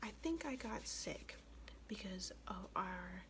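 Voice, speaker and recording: A young woman whispers right into the mic, her voice raspy and worn from illness. She tells a blunt, profanity-laced story in a chatty whispered ASMR style, at a middle pitch. A faint hiss sits under her voice. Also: lively intonation, slow. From United States. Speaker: ASMR vlogger.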